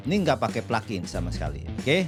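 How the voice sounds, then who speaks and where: A man's voice: fairly low pitch, very animated, normal speed, music in the background. A man chatting in a casual tutorial style, joking and laughing often while testing his microphone in a small home studio. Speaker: home recording vlogger. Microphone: condenser mic with plugins.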